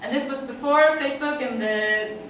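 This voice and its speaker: Speaking at normal speed in a high, slightly bright voice, this middle-aged conference speaker from Sweden delivers a chatty talk in English, full of laughs and fillers, with a Swedish accent. There's a little hiss or hum. The recording comes from a far room mic in a dim, echoey conference room.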